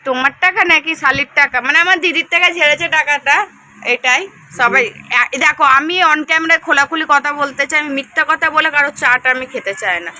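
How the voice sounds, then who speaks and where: A woman in her thirties chatting loudly and teasingly on camera at home, filmed on a handheld phone. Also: high voice, fast talker, low-quality recording. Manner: loud and teasing, addresses viewers directly. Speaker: vlogger. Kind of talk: casual on-camera chat. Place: family home indoors.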